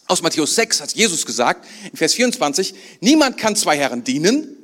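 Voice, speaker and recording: A man's voice: a little high, very animated, brisk, a bit bright. A male pastor preaching a sermon in church, talking conversationally and putting questions to the congregation.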